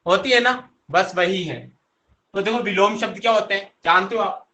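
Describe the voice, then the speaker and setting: A man's voice: sits high, normal speed, sharp tone. A young man teaching an online grammar class, who keeps asking his students questions and answering them himself. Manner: coaxing, addresses students directly. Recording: echoey room.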